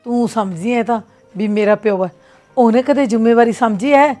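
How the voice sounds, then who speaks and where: A woman's voice: on the high side, moderate pace, warm tone, soft background music, natural voice. An actress with a Punjabi accent playing a mother who speaks scornfully of her husband and scolds her daughter. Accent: Punjabi (Malwa). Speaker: actor in a short film.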